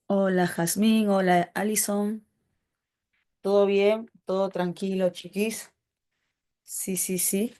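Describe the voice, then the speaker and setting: A woman's voice: fairly even intonation, takes it slowly, pauses often, warm tone, smooth. A woman teaching an online prep class, greeting students by name and calling them "chiqui" in a casual, affectionate way. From Peru. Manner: acts out quoted relatives in higher voice.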